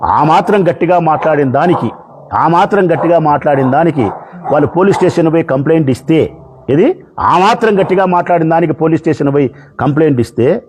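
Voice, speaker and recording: A man's voice: a little high, animated, quick pace, a little hiss or hum. A man speaking as a politician, addressing the press in an impassioned, repetitive way. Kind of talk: public speech to press.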